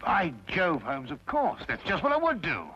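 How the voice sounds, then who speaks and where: An actor playing an earnest, loyal British doctor, proper in manner, in an old-time radio drama. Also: male voice, fairly high pitch, wildly swooping pitch, normal speed, sharp tone, lo-fi sound, a little hiss or hum, heavily acted. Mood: astonished, indignant. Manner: proper, earnest, readily indignant. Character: earnest, loyal male doctor, detective's easily astonished companion.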